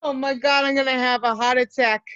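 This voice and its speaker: A woman's voice: high voice, steady tone, brisk, fairly bright tone, smooth, no echo, dull audio. A woman playing a bumbling, debt-ridden male balloon businessman in improv comedy, talking in a rambling, sheepish way. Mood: panicky.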